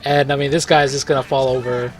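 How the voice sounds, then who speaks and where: A gaming video host walks viewers through a mobile game run, his casual, rambling commentary full of fillers and self-corrections. His voice is medium-pitched and flat, brisk in pace, with music playing underneath.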